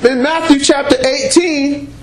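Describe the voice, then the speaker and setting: Unhurried and fairly even in intonation, a preacher with a strikingly high voice teaches a congregation sermon-style without a microphone, loud and emphatic, adding call-and-response exclamations of praise. A room mic catches his voice echoing around the church room, with faint background hiss.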